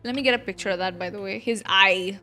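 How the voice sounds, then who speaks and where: A woman streamer reacts informally to a game as she watches, thinking aloud in casual live commentary. Her medium-pitched voice is fast, pushed, and bright, and faint game music plays behind her.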